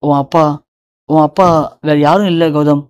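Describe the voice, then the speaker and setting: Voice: medium pitch, steady tone, moderate pace, darkish tone, clean tone, lightly acted. A narrator voicing a worried mother pleading with her son about a family secret. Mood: fretful. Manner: pleading, fretful.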